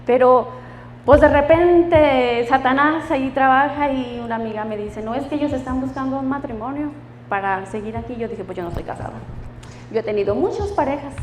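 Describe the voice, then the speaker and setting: A woman's voice: sits high, a little fast, big-room sound, slight background noise. A woman giving her personal testimony in church, emotional and laughing often as she quotes the voices of God and friends.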